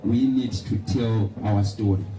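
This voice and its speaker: A man's voice: on the low side, fairly even intonation, a little slow, mellow. A young man speaking as a youth panelist. He repeats words often as he builds his points. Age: young adult. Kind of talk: panel discussion remarks. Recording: echoey hall from far off.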